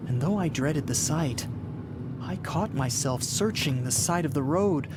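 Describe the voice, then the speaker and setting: This first-person radio play features a man as a haunted driver recalling a cross-country journey, his brooding narration giving way to stammers as he grows frantic. His fairly high voice is animated and a little slow, the mood brooding and uneasy. Loud background noise and vehicle sounds fill the recording.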